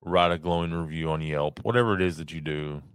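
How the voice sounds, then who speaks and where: A man with a low voice talks casually as a podcast co-host. The sound is dry, with hardly any room on it. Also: fairly even intonation, fairly quick, smooth, no room sound. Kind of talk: casual chat.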